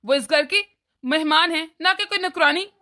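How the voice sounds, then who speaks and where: A hot-headed younger brother in a cartoon family story, voiced by a woman. He speaks with indignant anger in a very high, bright voice. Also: moderate pace. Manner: indignant, threatening.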